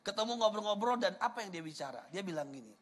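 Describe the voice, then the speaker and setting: A man's voice: sits high, animated, fast talker. A man from Sumatra preaching a sermon, firing rhetorical questions at the congregation and telling humorous personal stories in a chatty way. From Sumatra, Indonesia. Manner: asks the congregation rhetorical questions and addresses them directly.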